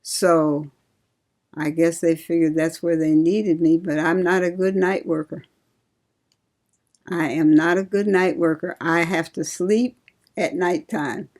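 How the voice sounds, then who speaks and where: An older woman from Ohio, a retired nurse, reminiscing slowly and laughing often in an oral history interview. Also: fairly low pitch, fairly even intonation, darkish tone. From Cincinnati, Ohio.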